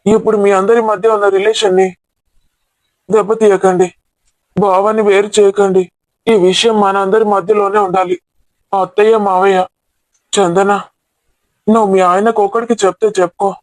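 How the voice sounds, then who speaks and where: A man's voice: high-pitched, little pitch movement, moderate pace, pauses often, dry recording, natural voice. A man, acting in an amateur family comedy drama as an angry relative who scolds about a scoundrel and then gives the family advice. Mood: indignant. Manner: indignant, scolding.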